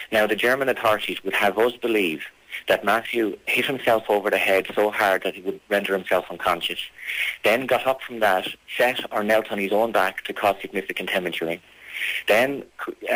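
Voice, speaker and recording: A man being interviewed on radio as a campaigner, speaking formally and insistently, with halting phrasing. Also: on the low side, a bit bright, poor audio.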